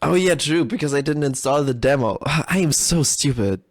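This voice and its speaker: A game developer's reaction video features his slightly high, expressive voice at normal speed, recorded dry with clean studio sound. The live commentary is casual and unscripted, and he rambles, curses and jokes at his own expense, giggling and laughing often.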